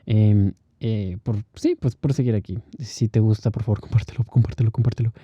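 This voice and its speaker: A man's voice: lowish voice, steady tone, fairly quick, slightly rough, no room sound. A man hosting a solo podcast, talking loosely and thinking aloud, with laughs between points. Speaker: podcast host. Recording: dry, slightly muffled lo-fi recording.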